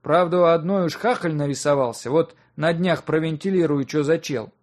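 A man's voice: a little high, moderate pace, close to an everyday voice. A man voicing a brash young working-class guy who talks in an eager, slangy, pushy way.

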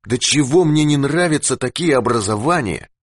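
A man voicing an excitable, feverish adult male geologist in an audiobook who rambles and shouts. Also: mid-range voice, normal speed, no echo, clean studio sound, pitched above the performer's own voice, natural voice. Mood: uneasy.

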